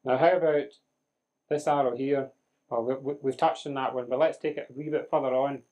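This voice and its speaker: A man's voice: medium pitch, fairly even intonation, brisk, a little mellow. A man giving a live medical lecture, quizzing students with dry humour. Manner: conversational, questioning the class, dry humour. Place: lecture room with audience.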